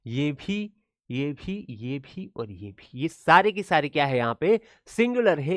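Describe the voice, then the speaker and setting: A man's voice: mid-range voice, no room sound, clean studio sound. A man teaching an exam-prep class. He keeps asking check questions and acts out his students' replies. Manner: addresses students as brother, asks frequent check questions.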